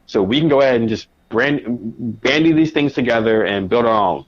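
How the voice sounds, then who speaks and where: Animated man, dull lo-fi sound. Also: mid-range voice. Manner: animated, talks in quick bursts with restarts. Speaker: podcast guest, media editor. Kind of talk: casual conversation.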